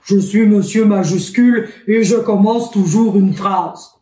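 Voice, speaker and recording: A woman's voice: mid-range voice, measured pace, mellow, natural voice. A woman playing a proud Mister Capital Letter. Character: friendly grown man, Mister Capital Letter. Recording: roomy echoing room.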